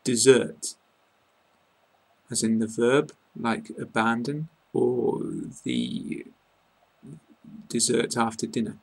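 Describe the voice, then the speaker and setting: A British-accented man teaches English pronunciation, saying words one at a time and repeating them with care. His voice is gravelly and a little husky, and his pitch stays flat and even. He speaks slowly, like a patient tutor. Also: poor audio. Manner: slow, deliberate word-by-word pronunciation. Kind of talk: pronunciation lesson.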